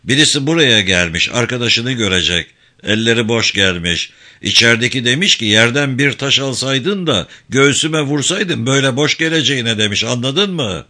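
A man's voice: medium pitch, expressive, moderate pace, sharp tone. A man reading a novel aloud, voicing a swaggering old ex-convict who talks with boastful, bullying bluster. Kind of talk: audiobook character reading.

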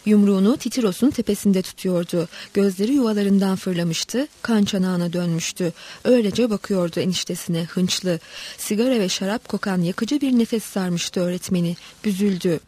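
A woman narrating a literary story in a steady, dramatic reading voice. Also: mid-range voice, normal speed.

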